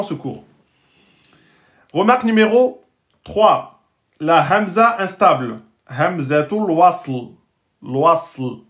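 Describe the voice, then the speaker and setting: A man teaching the Arabic alphabet and Quran reading rules, patiently sounding out words and checking in with his learners. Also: fairly high pitch. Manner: patient, checks in often with "d'accord?" and "hein?"; sounds out Arabic words slowly and repeats them. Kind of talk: explanatory lesson to French-speaking learners.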